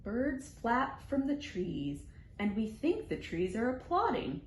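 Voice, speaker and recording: Reading a rhyming picture book to young children, this storytime host and children's librarian has a high, expressive voice. She sounds animated and sing-song, phrases things deliberately and has fun with sound words, all captured with a roomy echo and a faint hum of background noise.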